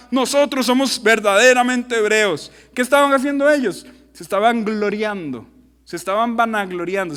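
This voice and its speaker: A pastor with a Costa Rican accent preaching a sermon, animated and full of rhetorical questions to his listeners. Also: extremely high pitch. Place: church hall. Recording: long hall reverb.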